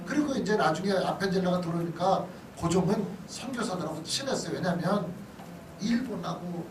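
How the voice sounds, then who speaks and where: Briskly, in a voice that sits high, a male pastor delivers a conversational history lecture in a church hall, peppering it with questions and asides for his listeners. An echoey hall, a distant mic, and background noise shape the recording.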